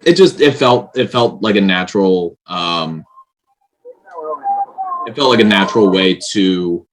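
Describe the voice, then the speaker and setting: Very deep-voiced man explaining earnestly. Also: lively intonation, unhurried, rough recording. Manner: earnest, explaining at length with restarts. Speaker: writer and director, guest. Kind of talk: casual interview chat.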